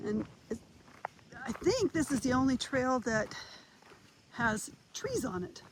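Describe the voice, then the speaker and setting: A woman's voice: high voice, slow pace, low-quality recording. A retired woman in her sixties chatting casually as she walks a nature trail, talking to her viewers. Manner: chatty, relaxed commentary while walking. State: out of breath. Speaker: vlogger. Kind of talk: casual hiking vlog narration. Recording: outdoor phone audio with insect noise.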